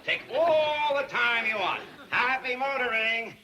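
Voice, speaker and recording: An actor playing a blustery bank president in an old sitcom, who shouts, then gushes in baby talk. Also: male voice, extremely high pitch, expressive, a little slow. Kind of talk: 1960s sitcom acting. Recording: hissy old TV soundtrack.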